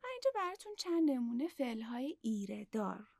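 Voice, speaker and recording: A woman teaching a lesson in a higher voice that rises and falls a lot. Her tone has a gravelly, fried edge. The sound is dry and close, with no room echo, and she explains patiently, repeating words slowly. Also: big pitch swings, a little mellow. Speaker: Italian language teacher. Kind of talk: online language lesson.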